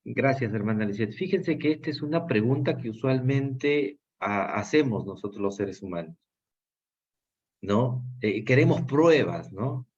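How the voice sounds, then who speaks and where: A man's voice: mid-range voice, animated, a little slow, a little mellow, husky. A man with a Peruvian Spanish accent teaching a Bible class, earnest and full of fillers and restarts. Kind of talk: Bible study lesson. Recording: dull lo-fi sound.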